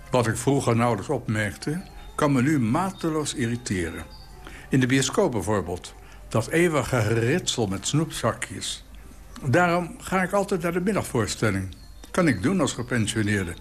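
A man in his eighties reading his own column aloud with dry, wry storytelling. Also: mid-range voice. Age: 80s.

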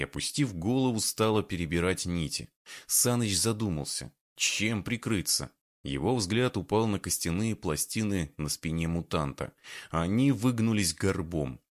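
A man narrating an audiobook in a steady storytelling manner. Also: sits low. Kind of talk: scripted narration.

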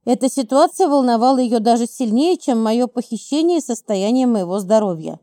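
High-voiced woman narrating an audiobook. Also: lively intonation, fairly quick, warm tone, no room sound, clean studio sound. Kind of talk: first-person audiobook narration.

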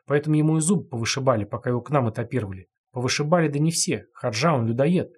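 A frightened male prisoner pleads in a hushed, urgent voice, read by a male narrator. His voice is husky and strained. It is a dark audiobook scene. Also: mid-range voice, rapid-fire, close to an everyday voice. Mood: anxious pleading. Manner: anxious, pleading.

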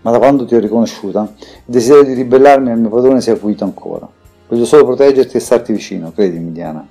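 A man's voice: mid-range voice, quick pace, mellow, faint music behind, lightly acted. A man voicing a cornered young male demon in an audiobook, speaking in an earnest, pleading way.

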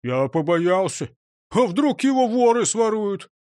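A man's voice: high-pitched, big pitch swings, measured pace, darkish tone, dry recording, studio quality, voice pushed up. A man voicing a simple-minded, food-loving male robber who talks in an eager, childlike way.

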